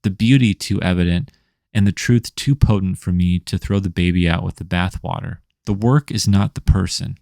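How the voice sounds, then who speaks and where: A man reading his own scripted video essay in a measured, rhetorical way, stacking lists and questions. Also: low voice, gravelly, darkish tone, no echo, studio quality. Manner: measured, rhetorical, list-like delivery. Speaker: indie comics writer and channel host.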